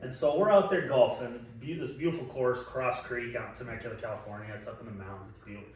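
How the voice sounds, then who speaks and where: Speaking quickly in a mid-range voice, a forty-year-old podcast co-host tells a long, casual story full of laughter and free swearing. The mic sits far off in an echoey room.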